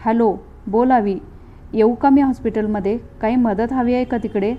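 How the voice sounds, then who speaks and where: A woman voicing a caring young woman neighbor, an older-sister type, in a storybook reading, gentle and coaxing. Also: fairly high pitch, steady tone, moderate pace, highs cut off, natural voice. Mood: concerned.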